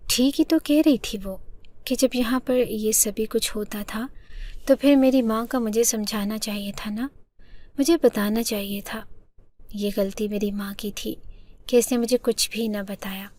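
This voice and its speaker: A woman narrating a first-person story in a soft, partly whispered, emotional manner. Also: on the high side, steady tone.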